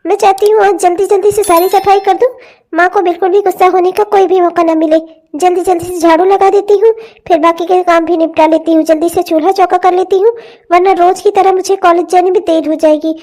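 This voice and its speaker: A woman's voice: very high-pitched, steady tone, fairly quick, a little mellow, voice pushed down. A woman voicing a meek, mistreated teenage stepdaughter in a cartoon, timid and pleading. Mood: hurried. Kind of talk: cartoon voice acting.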